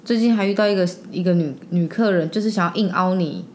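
A young woman with a Taiwanese Mandarin accent, talking bluntly and chattily on a podcast with quick interjections. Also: lowish voice, a little mellow, slight background noise. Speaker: podcast guest, older sister. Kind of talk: casual chat.

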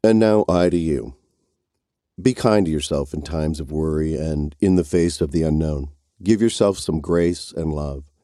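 A man giving an encouraging, measured motivational self-help talk straight to the listener. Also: rumbling low, mellow, no room sound, clean studio sound. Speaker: self-help program host.

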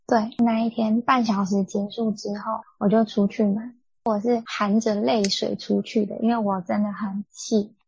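A young woman co-hosting a podcast, telling a family story in an animated, indignant way. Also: medium pitch, moderate pace, gravelly, breathy edge, no room sound. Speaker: podcast co-host. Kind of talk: casual storytelling chat. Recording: dull lo-fi dry sound.

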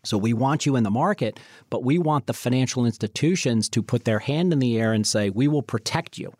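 A man's voice: mid-range voice, a little fast, a little mellow, no echo. Man giving emphatic financial advice, dry sound. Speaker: financial radio show host. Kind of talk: unscripted advisory sales talk.

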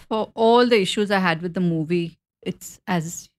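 A woman's voice: on the low side, measured pace. A middle-aged woman, co-hosting a film chat and often laughing as she retells things with animation. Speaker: co-host. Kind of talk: casual chat about films.

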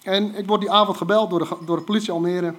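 A man telling a personal story in a casual, animated way, with lots of fillers and restarts. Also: sits high, fast. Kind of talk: casual spoken anecdote.

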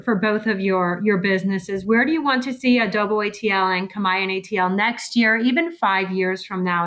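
A woman interviewing two food business owners, asking friendly, measured questions. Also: mid-range voice, fairly bright tone, low-quality recording.

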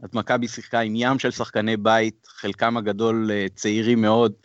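A man appearing as a podcast guest in casual chat, speaking in a measured way with pauses. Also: on the low side, level tone, no room sound. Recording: dull lo-fi sound.

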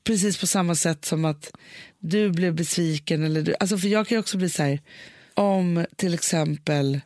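A woman's voice: on the low side, darkish tone, no room sound, studio quality. A mother in a casual conversation, reasoning things through aloud with lots of fillers and restarts. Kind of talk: casual chat.

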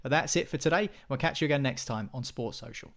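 A man's voice: mid-range voice, fast, a bit bright. A man hosting a football podcast in a conversational presenting style. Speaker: podcast host.

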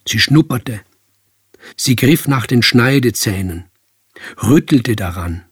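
A man telling a literary story in a slow, deliberate, expressive reading. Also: medium pitch, breathy edge, no room sound, studio quality. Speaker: author and storyteller.

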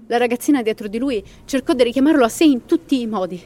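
A woman's voice: on the high side, lively intonation, fast talker, a little mellow. A woman narrating a scripted horror story with dramatic pacing and sardonic comic asides, also bantering as host.

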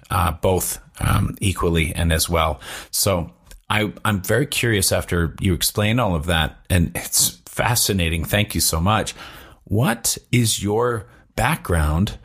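A man's voice: deep voice, a bit bright, husky. A man hosting a podcast who asks earnest, rambling questions in a casual interview chat. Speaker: podcast host.

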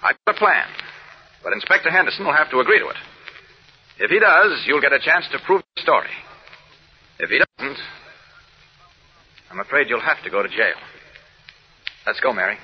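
A man playing a calm, serious newspaper reporter in a 1940s radio drama, measured and firm. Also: medium pitch, a little hiss or hum, lightly acted. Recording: muffled old radio broadcast.

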